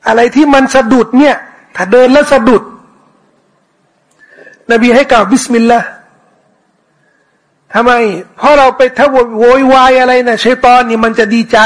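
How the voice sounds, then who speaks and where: A man teaching a commentary lesson on scripture, answering questions in a casual way, repeating words and reciting verses slowly. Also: extremely high pitch, a bit bright, poor audio. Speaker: Islamic teacher.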